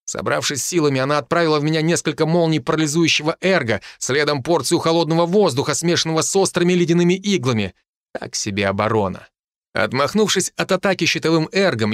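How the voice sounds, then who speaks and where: Man narrating a dark fantasy audiobook. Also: fairly high pitch, no room sound, studio quality. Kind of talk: scripted first-person narration.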